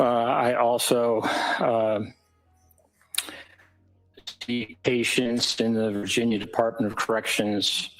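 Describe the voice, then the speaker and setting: A man giving formal testimony in a courtroom as an expert witness, answering carefully and haltingly. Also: fairly low pitch, poor audio. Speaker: expert witness, psychiatrist and professor.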